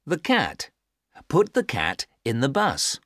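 A actress as a patient instructor with a very low voice and hugely varied intonation. She speaks careful, stilted textbook dialogue in a dry studio sound. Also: wildly swooping pitch, slow pace, no echo, full character voice. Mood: patient, instructive. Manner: careful, over-clear instructing. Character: patient adult giving simple picture instructions.

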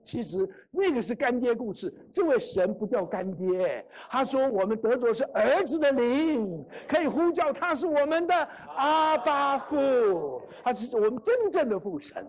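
A woman's voice: a little high, very animated, measured pace, few pauses, darkish tone. A middle-aged woman preaching a gospel sermon in a church meeting hall, telling a story and acting out its dialogue.

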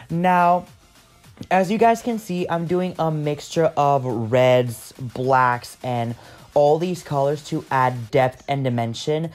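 A man's voice: medium pitch, darkish tone. A man talking casually over his makeup video, chatty and rambling, with lots of fillers as he explains each step. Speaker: makeup artist.

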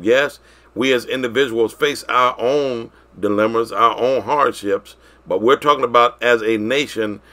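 Bright-voiced man preaching a sermon. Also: mid-range voice. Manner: preaching, swinging between loud declarations and quiet drawn-out phrases.

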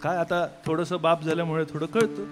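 A man giving a devotional kirtan sermon, with rhetorical questions and sudden swings from soft to loud. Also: a little high, steady tone, brisk, over music. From Mumbai, India. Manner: rhetorical, keeps asking "kay", swings between soft and loud. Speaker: kirtan preacher.

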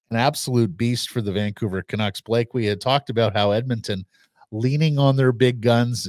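Measured middle-aged male hockey analyst. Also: medium pitch, dry recording, clean studio sound. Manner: measured, analytical, lists stats. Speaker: podcast co-host. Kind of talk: casual sports analysis. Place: small studio with bookshelf. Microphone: studio mic on boom arm with headphones.

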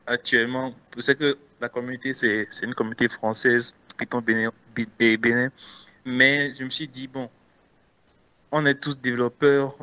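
A man's voice: medium pitch, bright, forceful tone. A man with a Beninese French accent answering interview questions casually as a guest content creator, hesitant with many restarts.

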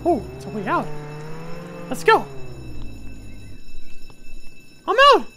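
A man voicing a small, excitable cartoon mouse in a squeaky falsetto, commentating on a video game in character. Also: normal speed, faint music behind, heavily acted. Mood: excited. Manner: excitable, exclaiming, panics easily.

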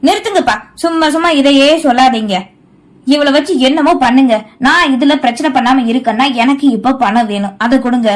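A woman's voice: high voice, brisk, natural voice. A woman voicing a pushy middle-aged son who insistently demands money from his father in a storybook reading. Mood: demanding.

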